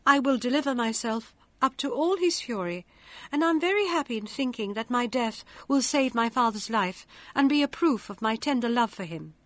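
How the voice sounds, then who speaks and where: A woman voicing a brave, gentle young heroine who speaks softly and earnestly. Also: fairly high pitch, lively intonation, normal speed, no room sound.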